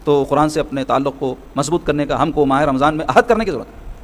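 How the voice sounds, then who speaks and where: A man delivers a religious lesson in sermon style. He explains each point patiently, repeats key phrases and keeps asking his listeners questions. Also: fairly high pitch. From Hyderabad, South India. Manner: explanatory, repetitive, asks rhetorical questions. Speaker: religious scholar teaching hadith.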